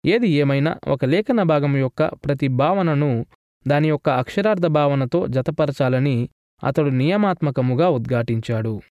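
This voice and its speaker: Male lecturer, voice a touch high, measured scripted delivery, dry booth sound. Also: darkish tone, no echo. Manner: measured, formal reading.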